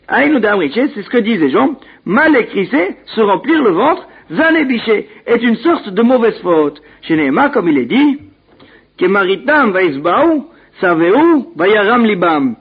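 High, gravelly male Talmud teacher. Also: sing-song, narrow, tinny audio. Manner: reads each Hebrew phrase, then translates it into French; measured teaching delivery with small restarts. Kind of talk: reading and explaining a religious text.

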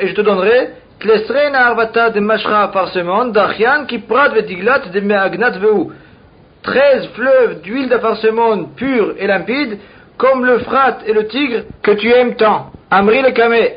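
High-voiced man teaching Talmud. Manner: reads Aramaic phrases then translates them. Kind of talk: reading and translating Talmud aloud. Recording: dull lo-fi recording.

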